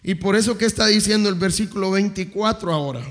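Preacher, male, high voice, long hall reverb, questions the room as he goes. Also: fast, a bit bright. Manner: asks the congregation questions. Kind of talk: sermon.

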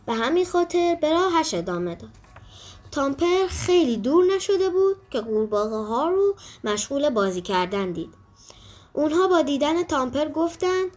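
A woman acting as storyteller, reading a children's story aloud in an expressive, even way. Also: sits high.

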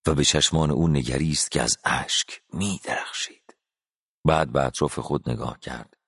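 Deep, husky male storyteller. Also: dry recording, studio quality. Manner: slow, dramatic and expressive reading. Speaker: audiobook narrator. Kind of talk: scripted narration of a literary story.

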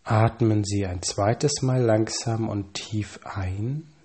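A man reads a scripted guided relaxation calmly, with measured pauses and slow counting. His voice is on the low side, with a breathy edge.

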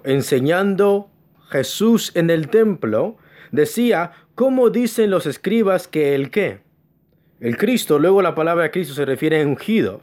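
A man's voice: a little high, a little mellow. A man preaching a teaching sermon in church, often asking the congregation questions, answering them himself, and telling them to pay attention. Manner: stresses key words by slowing down. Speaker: pastor.

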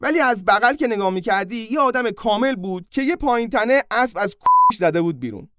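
Brief: high-pitched male host for comic storytelling, casual and joking, dry close mic. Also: lively intonation, bright, forceful tone, dry recording. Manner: casual, joking asides to listener.

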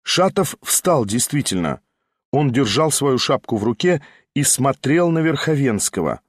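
Expressive male audiobook narrator. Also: mid-range voice, measured pace, slightly rough, dry recording, studio quality. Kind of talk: scripted literary narration.

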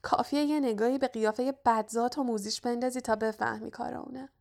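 A hot-headed young schoolboy wizard voiced by a woman reader talks in a high, mocking, indignant voice. He is loud and sarcastic in this audiobook. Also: fairly even intonation, creaky.

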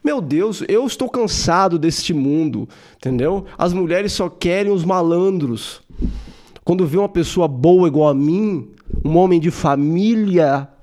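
A man's voice: high voice, expressive, a little slow, darkish tone. A man mocking a whiny entitled Brazilian guy. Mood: whiny indignation. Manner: self-pitying, indignant ranting. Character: whiny entitled young man complaining about women.

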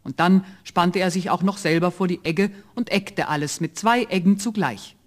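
Male narrator, fairy tale reading, high voice for a man, even storytelling. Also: normal speed.

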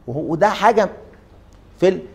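A man's voice: high-pitched, fairly quick, creaky, breathy edge. A man with an Egyptian Arabic accent giving an interactive lecture. He often questions the class and stretches out his fillers.

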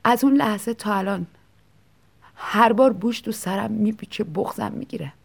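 A woman reading a short personal story aloud in a soft, tender, reflective way, sometimes sinking into a whisper. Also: medium pitch, vocal fry, husky. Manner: soft, intimate, drops into whispers. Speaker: story reader. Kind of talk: scripted storytelling narration.

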